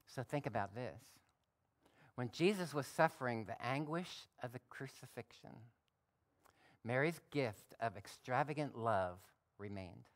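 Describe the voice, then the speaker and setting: A male pastor giving a sermon, reading scripture aloud and adding relaxed, folksy asides. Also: medium pitch, measured pace. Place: church.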